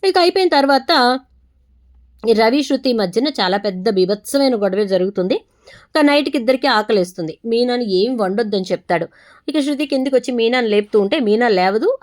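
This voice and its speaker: A woman with a slightly raised voice retells a serial's episode in a relaxed, talkative storytelling manner. She strings the events together with running connecting words and keeps a casual conversational flow. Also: a little high. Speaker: serial recap narrator.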